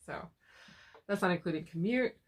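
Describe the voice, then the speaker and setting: Co-hosting a relaxed couple chat channel, this woman speaks at a moderate pace in a lowish voice. She has a cough drop in her mouth and talks through a lingering cough, laughing a lot and starting her sentences over.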